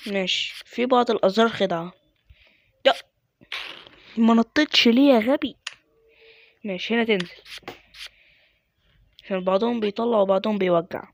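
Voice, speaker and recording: A man's voice: high voice, normal speed, gravelly, pauses often, no room sound. Muttering Egyptian man gaming. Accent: Egyptian Arabic. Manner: mutters to himself, self-mocking, with sudden exasperated outbursts. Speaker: gaming YouTuber. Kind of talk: casual gameplay commentary.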